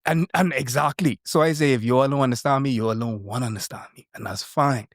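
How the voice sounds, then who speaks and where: A young Bahamian content creator with a thick accent chats on a podcast, boastful and joking, packing his talk with slang. His medium-pitched voice moves fast, captured as clean studio sound with no room echo.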